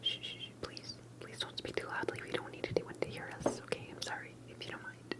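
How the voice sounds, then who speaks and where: In an ASMR roleplay, a woman whispers as a secretive, cautious investigator questioning someone abducted by aliens. Her delivery is hushed and hesitant, broken by soft pauses.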